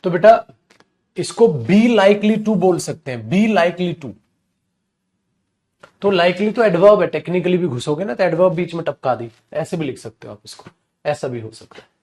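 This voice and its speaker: A man's voice: sits high, animated, a little slow, a little mellow. A man with an Indian accent teaching an English grammar class in Hindi, chatty and teasing, often calling the students beta. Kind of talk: live online class in Hindi.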